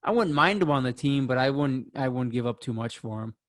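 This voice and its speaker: A man's voice: mid-range voice, expressive, brisk. Laid-back sports podcast guy. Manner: laid-back, fills with "I mean" and "you know". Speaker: podcast co-host. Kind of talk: casual sports chat.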